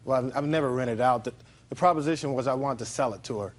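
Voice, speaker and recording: A man's voice: mid-range voice, fast talker. A man testifying as a plaintiff in a TV courtroom, plain-spoken and insistent. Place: television courtroom studio.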